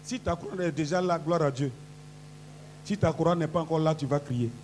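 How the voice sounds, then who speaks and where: A man preaching as pastor, leading a congregation in call-and-response prayer, switching between quiet instructions and shouted declarations. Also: fairly high pitch, brisk, slight background noise. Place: church service. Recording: loud worship music underneath.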